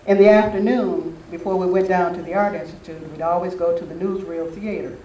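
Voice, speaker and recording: Reminiscing conversationally, an older man gives a casual, story-filled talk to a gathering at a spiritual retreat. He speaks briskly in a high, warm voice with fairly even intonation. The audio is lo-fi and roomy, recorded from a distance with faint noise.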